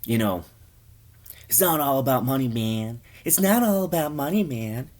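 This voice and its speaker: A man's voice: mid-range voice, animated, normal speed, darkish tone, pitched above the performer's own voice, natural voice. A man voicing an obnoxious, nerdy young male hipster who lectures a smoker in a whiny, preachy tone.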